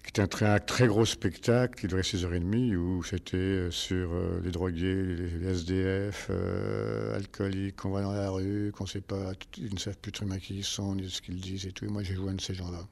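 An older man, a stage actor, answering interview questions in a rambling, halting way with many restarts. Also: low voice, flat delivery, vocal fry, a little mellow.

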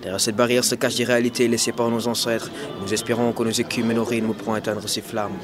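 Monotone man reciting slam poetry. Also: mid-range voice, fast talker, over music. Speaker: student and slam poet. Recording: outdoor crowd chatter behind.

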